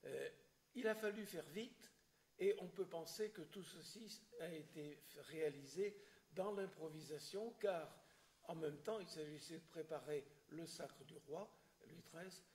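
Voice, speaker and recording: A man lecturing on history with a fairly high voice. He speaks haltingly, stopping for filler sounds and restarting phrases. Now and then he clears his throat. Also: a little mellow. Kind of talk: public lecture with questions.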